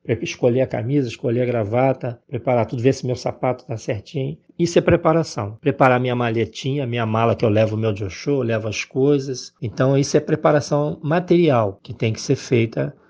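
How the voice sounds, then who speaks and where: A man from the Rio gives an informal spiritual class, his voice gravelly and mellow. He talks in a conversational way, leaning on tag questions and heartfelt personal stories. The recording sounds dull and lo-fi. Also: mid-range voice, a little fast, hardly any pauses. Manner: conversational, many tag questions, emotional storytelling. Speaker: reverend teaching a spiritual class. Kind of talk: informal spiritual teaching talk.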